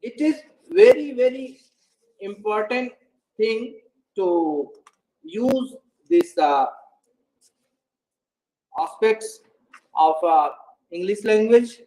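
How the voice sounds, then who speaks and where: A man's voice: high voice, lively intonation, extremely slow, long pauses, dark tone, poor audio. A man giving a lecture on English intonation to learners, hesitant, with many fillers and restarts. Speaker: English pronunciation presenter.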